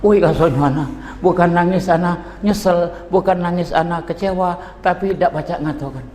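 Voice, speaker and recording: A man in his sixties with a Palembang Malay accent, preaching an emotional sermon that swings from low talk to high cries. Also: moderate pace, a little mellow, a little hiss or hum. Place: large prayer hall at a religious gathering. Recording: echoey hall with long reverb.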